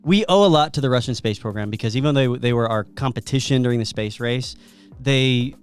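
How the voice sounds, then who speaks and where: A man co-hosting a casual podcast, telling facts as animated stories. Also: mid-range voice, brisk, smooth, faint music behind. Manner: animated storyteller, reads out facts. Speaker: podcast co-host.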